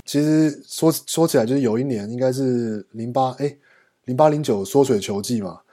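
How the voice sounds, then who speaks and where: A man's voice: mid-range voice, normal speed, warm tone. A man from Taiwan with a Taiwanese Mandarin accent, chatting casually with friends as a guest. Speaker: podcast guest.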